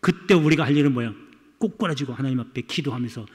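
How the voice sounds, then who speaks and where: A man's voice: medium pitch, fast, a little mellow, big-room sound. A male pastor preaching a sermon in a church, speaking emphatically and repeatedly addressing the congregation. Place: church sanctuary.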